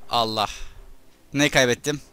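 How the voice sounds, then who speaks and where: A young man giving casual commentary over his gameplay, chatting to his troops and breaking into loud excited shouts during fights. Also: medium pitch, unhurried, clean tone. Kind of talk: let's play commentary.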